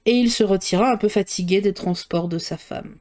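A woman reading a classic novel aloud on a live stream in steady, clear narration. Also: mid-range voice, fairly quick.

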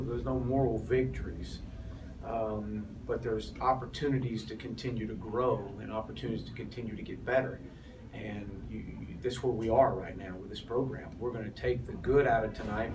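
A head football coach in his forties, with a lowish voice, fields questions at a postgame press conference, restarting often and filling gaps with fillers. He sits in the press room before a sponsor backdrop, picked up from off-mic by a cluster of press mics on a table. His voice sounds distant and the room is noisy.

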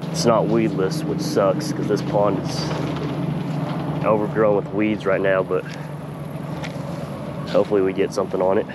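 A man with a slightly creaky voice chatting casually and in slang to viewers as he hosts a fishing vlog outdoors. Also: low voice, little pitch movement, measured pace, pauses often, very noisy. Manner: laid-back, slangy, talking to viewers. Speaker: fishing vlogger and host. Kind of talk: casual chat while fishing. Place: outdoors by a small pond.

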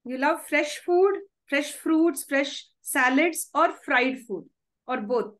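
High-voiced Indian woman, effusive host. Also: slow pace, fairly bright tone. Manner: effusive, polite, frequently affirming. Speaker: interview host. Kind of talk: conversational interviewing. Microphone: video call microphone.

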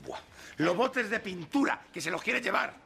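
Mocking Spanish man, bright lively voice. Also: high-pitched, normal speed, gravelly, slight background noise. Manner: dry, mocking. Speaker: sitcom character, friend. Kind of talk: sitcom acting.

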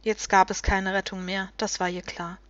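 A woman reading a children's book aloud in an expressive, dramatic storytelling manner. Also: medium pitch, moderate pace, no echo. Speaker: reader. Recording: dull, dry home recording.

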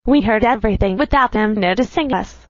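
A woman's voice: mid-range voice, a little fast, no room sound. Scheming woman, dull lo-fi sound. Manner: scheming, excited. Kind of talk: cartoon voice acting.

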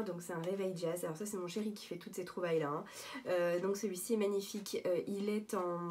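Mellow-voiced woman chatting casually. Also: medium pitch. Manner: chatty, hesitant with many fillers and restarts. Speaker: vlogger showing thrift finds. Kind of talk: casual show-and-tell vlog. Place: at home, indoors.

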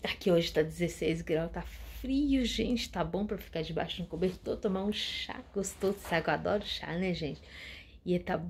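A woman with a lowish voice hosts her channel, giving a casual inspirational talk at a moderate pace with slight background noise. She addresses her viewers warmly and repeats words for emphasis.

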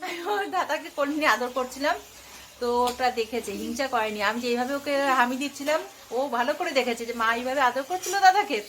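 Mom sweet-talking her kids, pretty high voice, lots of noise around. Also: a little fast. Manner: coaxing, talking to small children. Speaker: mother. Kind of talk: casual family talk.

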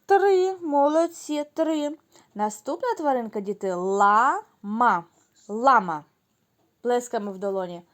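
A woman teaching a class of young children in a fairly high voice, pacing herself slowly and carefully. She stretches words out into syllables, answers her own questions and praises the class. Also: fairly bright tone. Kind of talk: children's lesson.

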